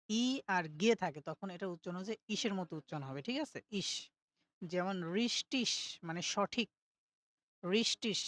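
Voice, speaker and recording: Low-voiced woman teaching pronunciation. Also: dry recording. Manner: explanatory, checks in with "ঠিক আছে?" often. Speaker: German language teacher. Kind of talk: explaining pronunciation in a self-study class.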